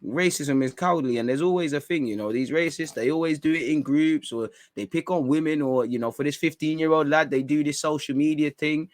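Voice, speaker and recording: A young man, hosting a football talk stream in a rambling, slangy, excitable way. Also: on the high side, brisk, few pauses, no echo. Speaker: football channel host. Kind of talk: casual livestream chat.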